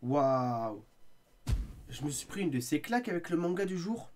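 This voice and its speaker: A man chatting casually in a video review, lively with quick asides, sounding tired. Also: on the high side, music in the background. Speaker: manga vlogger.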